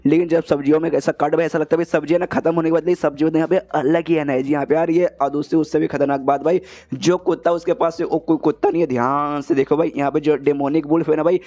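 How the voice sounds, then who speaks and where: A man's voice: on the high side, warm tone. A man retelling a comic story in a chatty, casual way, calling the listener "brother" again and again. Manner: chatty, says "bhai" in nearly every line. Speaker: manhwa recap narrator.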